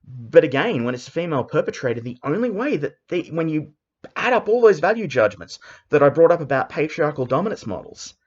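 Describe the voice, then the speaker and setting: A man's voice: fairly high pitch, sing-song. Intense Australian man ranting, lo-fi. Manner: intense and emphatic, with halting restarts. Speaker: commentary vlogger. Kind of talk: unscripted ranting monologue. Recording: dull lo-fi recording.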